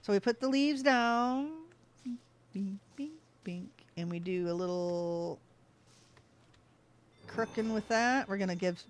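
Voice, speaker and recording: During a game livestream, a woman chats in a relaxed way with the people watching, frequently getting distracted and laughing. She speaks at a slow pace in a mid-range voice, pausing often.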